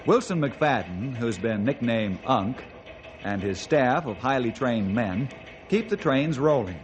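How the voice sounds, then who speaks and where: Casting: man as friendly ranger host of a children's old radio drama, scripted storytelling, mid-pitched voice. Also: expressive, a little slow, muffled recording, lightly acted. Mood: explanatory. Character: friendly forest ranger telling his adventures to children. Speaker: host and narrator.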